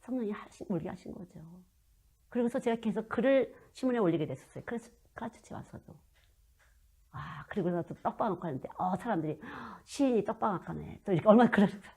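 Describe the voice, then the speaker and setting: A woman in her fifties preaching a sermon and telling stories from her own life, moving between loud emphasis and hushed asides. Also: medium pitch, expressive, fast, slightly rough. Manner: storytelling, swings from loud to hushed. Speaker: children's missionary preacher.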